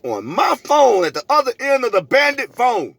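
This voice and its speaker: His extremely high, fairly bright voice swings hugely in pitch, with vocal fry, at a moderate pace. This middle-aged man vlogs a personal story to camera, preaching emphatically, repeating phrases for effect and re-enacting both sides of arguments. There is no room sound.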